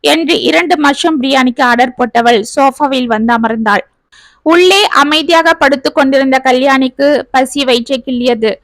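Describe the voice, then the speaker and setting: High-voiced woman telling a family story. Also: moderate pace, no room sound. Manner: steady, plain storytelling delivery.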